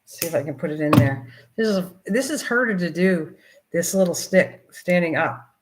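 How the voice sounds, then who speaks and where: On a rough recording, an older woman with a lowish voice and normal speed runs a casual craft livestream. Chatty and rambling, she talks to herself and her viewers throughout her work.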